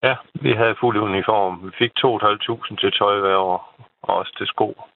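A man's voice: lowish voice, steady tone. Rambling middle-aged man on a phone line. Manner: rambling, tag questions, repeated words. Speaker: caller. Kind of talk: casual phone-in chat. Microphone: telephone.

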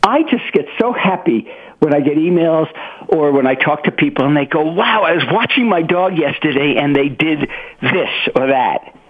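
Male radio guest, fairly high voice, casual interview chat through a narrow phone line. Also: expressive, normal speed, husky. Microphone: telephone.

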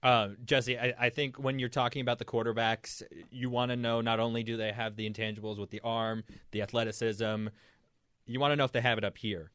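A man hosting a casual sports show, smoothly steering the talk to his co-hosts. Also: mid-range voice, flat delivery, a little fast, fairly bright tone, dry recording, clean studio sound.

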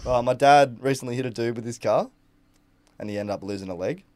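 A man's voice: medium pitch, fairly quick, a little mellow, dry recording. A young Australian man co-hosting a podcast, chatting casually with lots of laughter and swearing. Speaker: podcast co-host. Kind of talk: casual comedy chat.

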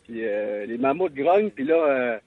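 A man's voice: medium pitch, lively intonation, normal speed, phone-quality sound. A man from Montreal with a Québécois French accent, calling into a radio show and telling a rambling story full of fillers. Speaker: caller. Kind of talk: phone-in anecdote.

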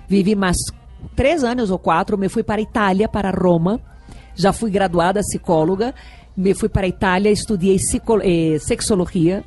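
Brazilian-accented woman, husky, chatty. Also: mid-range voice. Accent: Brazilian Portuguese. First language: Portuguese. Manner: lively, laughing, rambling storyteller. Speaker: sexologist guest. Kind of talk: casual interview chat.

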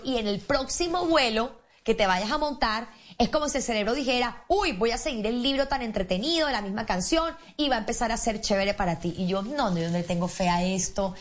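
A woman telling a story in a casual chat, animated, acting out quotes and laughing often. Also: on the high side.

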